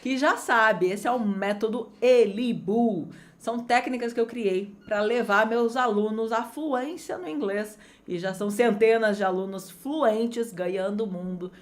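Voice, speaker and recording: A woman from Brazil gives an online English lesson in a fairly high voice. She is energetic and chatty, speaks directly to her students, and her pitch swings widely from phrase to phrase. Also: measured pace. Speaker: English teacher.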